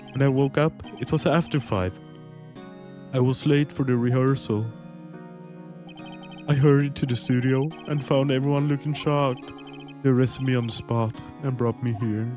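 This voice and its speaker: A meek, earnest male actor, as a man plays him, explaining himself with small hesitations in a game fan dub. His voice sits at an ordinary middle pitch. Music plays clearly behind him. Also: steady tone, moderate pace, a little mellow, lightly acted. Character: mild, sheepish male actor suspect.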